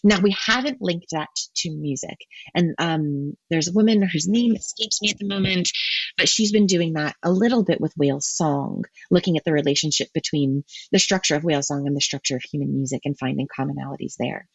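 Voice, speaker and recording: A woman's voice: sits low, brisk, gravelly, husky, dry recording, lo-fi sound. A woman marine ecologist answering interview questions, thinking aloud with frequent ums and restarts.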